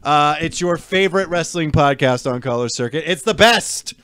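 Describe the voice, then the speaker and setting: Man from New Mexico, slightly high voice, dry mic, deadpan quips, plugs his podcast. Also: normal speed, clear, resonant tone, no echo. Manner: dry, wisecracking asides. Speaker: wrestling podcast host. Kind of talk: casual chat.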